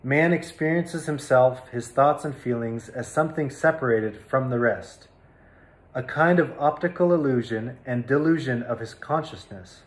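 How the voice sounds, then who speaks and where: A man giving a reflective talk as a tea teacher, speaking slowly and thoughtfully, with pauses and fillers. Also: mid-range voice.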